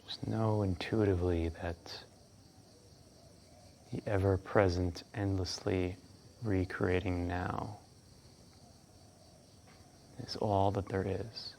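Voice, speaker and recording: A man leading a guided breathwork meditation as instructor, speaking in a calm, hushed, unhurried way with long pauses. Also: low voice, vocal fry, slight background noise.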